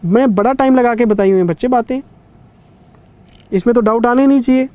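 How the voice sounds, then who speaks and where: A man's voice: very high-pitched, a little fast, a little mellow, clear, resonant tone, no room sound. A man in his thirties teaching an accounting revision class in a conversational lecturing way, stern yet caring with students. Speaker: CA exam teacher.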